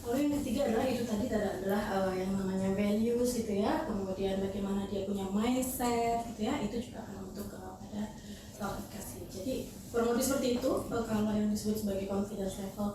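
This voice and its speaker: In a noisy, very echoey room with a distant mic, a woman with a mid-range voice talks fast as a podcast guest. She's a talent management manager, explaining matters in a casual, hesitant way with English terms mixed in.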